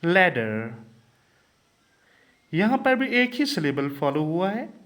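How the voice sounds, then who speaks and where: A man teaching a poetry lesson, counting syllables slowly and emphatically. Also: sits high, big pitch swings. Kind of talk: poetry lesson mixing English and Hindi.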